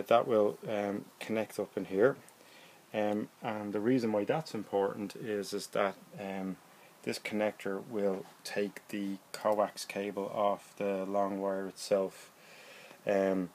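Recorded indoors at home on a phone, an Irish man in his forties talks through an unscripted how-to as a hobbyist presenter, sounding hesitant and plain-spoken. His lowish voice is creaky and a little mellow, and there is slight background noise.

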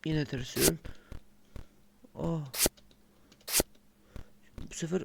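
Over loud game music and a faint hiss or hum, a man hosting a gaming channel mutters very slowly through a let's-play on a close-up microphone. His voice is a little high, fairly even, with vocal fry, and he bursts out swearing when the game gets to him.

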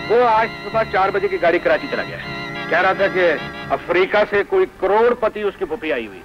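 This is 1980 film dialogue from an old soundtrack with music, where an actor voices a wisecracking comic student friend in a playful, teasing manner. His high-sitting male voice has lively intonation, and the recording sounds muffled.

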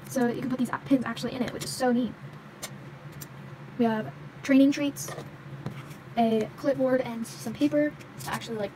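A toy unboxing vlogger, a young woman with a slightly high voice, chats casually while presenting a toy vet clinic playset, saying "like" and "um" a lot. She is off screen behind a handheld phone camera, and background noise is audible.

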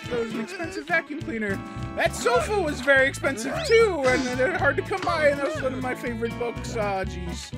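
A performer voicing an excitable cartoon man who rambles and yelps in alarm while reacting to his own cartoon episodes. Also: sits high. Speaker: reacting host character. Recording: loud music playing underneath.

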